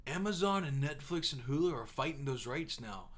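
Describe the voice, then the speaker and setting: A young man co-hosting a casual podcast chat, animated and fond of saying "here's the thing", with bursts of loud laughter. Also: on the high side, moderate pace. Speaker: podcast co-host.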